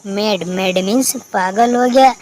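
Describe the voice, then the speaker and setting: A woman's voice: medium pitch, unhurried, darkish tone, slight background noise, poor audio. A woman teaching a recorded lesson, spelling out letters one by one and answering her own questions. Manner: spells out letters and asks herself questions, then answers them. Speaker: English teacher.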